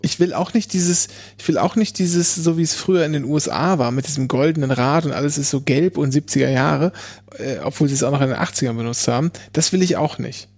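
A man's voice: on the high side, brisk, a little mellow. A man chatting casually as a podcast host, hesitant and often restarting his phrases. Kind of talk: casual chat.

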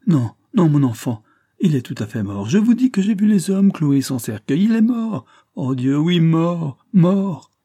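A man's voice: medium pitch, expressive, normal speed, warm tone, husky, no room sound. A man reading aloud voices a feverish, delirious mother who pleads and cries out in rising, frantic tones.

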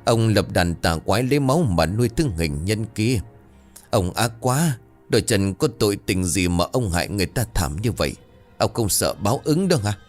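A frightened older wife begging her husband to stop his evil, as a male narrator puts her on. Her voice trembles and wavers, pleading through tears, with wide shifts in pitch. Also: animated, normal speed, darkish tone, soft background music, lightly acted.

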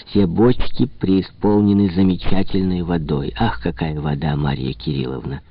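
A pompous, lovesick shop clerk, put on by a male reader, hems and stumbles through fancy words in a low, husky voice. The audiobook recording sounds slightly dull and dry. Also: fairly even intonation, normal speed, dry recording. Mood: fawning. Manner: hesitant, stumbling, mock-polite phrasing.

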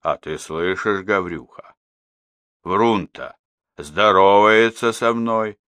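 A man's voice: fairly low pitch, slow, fairly bright tone, smooth. A man doing a hearty old woodsman hollering long calls. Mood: chatty. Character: old male forest woodsman, hearty and proud.

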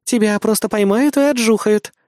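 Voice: medium pitch, moderate pace, darkish tone, dry recording, pitched above the performer's own voice, lightly acted. A reader voicing Eris, a blunt, sarcastic female assistant who scolds and mocks in a raised voice in a dry-sounding storybook reading. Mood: exasperated. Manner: scolding, mocking.

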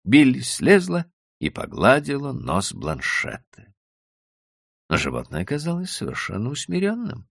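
A man's voice: mid-range voice, wildly swooping pitch, measured pace, creaky, no echo, clean studio sound. A man narrating an audiobook in the first person, with dramatic storytelling. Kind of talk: scripted narration.

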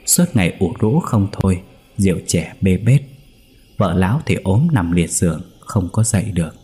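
A man narrating a ghost story in a slow, measured way. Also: deep voice, expressive, mellow, husky.

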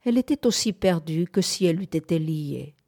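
A woman narrating a literary audiobook in a calm, measured way. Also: fairly low pitch. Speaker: audiobook reader.

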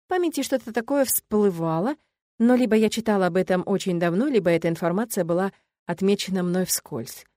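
A woman narrating a novel in the first person, in a steady audiobook reading style. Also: mid-range voice, brisk, dry recording, studio quality.

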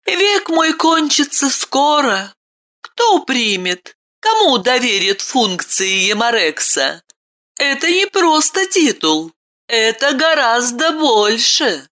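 Woman as grave boy judge of the dead in a storybook; high, slow, bright. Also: lively intonation, full character voice. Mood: solemn.

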